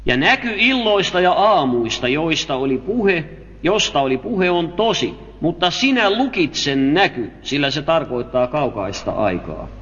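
A man with a fairly high voice delivers a sermon, reading scripture and explaining it in a measured, careful way. The audio is dull and lo-fi, with long reverb from a large hall. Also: very animated, a bit bright. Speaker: preacher. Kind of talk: Bible teaching sermon.

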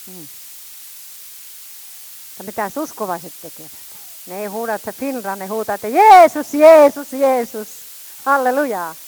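A woman preaching a sermon, fervent, calling out to her congregation and swinging between loud shouts and quiet asides. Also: mid-range voice, a little hiss or hum, poor audio.

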